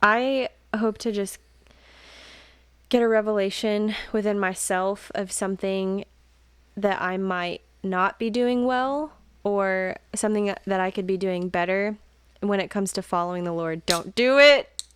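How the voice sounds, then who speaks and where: A young woman co-hosting a casual podcast chat, thinking out loud with many fillers and the odd joking aside. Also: medium pitch, fairly even intonation, a little slow, clean tone, no room sound. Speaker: podcast co-host.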